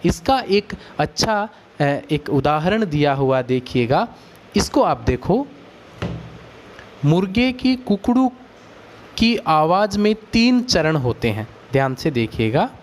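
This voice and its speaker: Slow, high-voiced male grammar teacher. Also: big pitch swings. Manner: patient, drawn-out, demonstrates vowel lengths aloud. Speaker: Sanskrit teacher. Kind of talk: slow explanatory grammar lesson.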